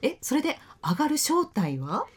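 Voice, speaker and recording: A woman's voice: high-pitched, huge pitch swings, normal speed. A woman radio host leading a friendly talk segment and asking attentive questions.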